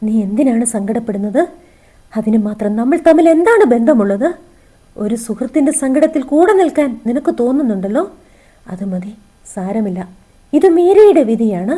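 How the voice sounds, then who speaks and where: A lonely, resigned middle-aged mother speaks softly in a storybook reading, as a woman narrator takes her part. The voice sits high but stays mellow and warm, full of quiet sorrow. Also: lively intonation, normal speed. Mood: sad, resigned.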